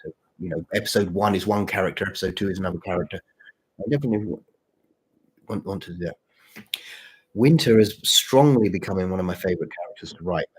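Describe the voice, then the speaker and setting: This husky man with a low voice hosts a channel and writes stories, chatting informally with viewers during a livestream. The recording quality is poor. A mild sore throat has deepened his voice, and his speech is halting and repetitive.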